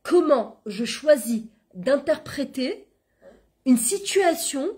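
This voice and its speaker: A middle-aged woman giving an informal religious lesson, talking in a lively, conversational way and dropping Hebrew terms into her French. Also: high-pitched, slow pace. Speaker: Torah class teacher and coach.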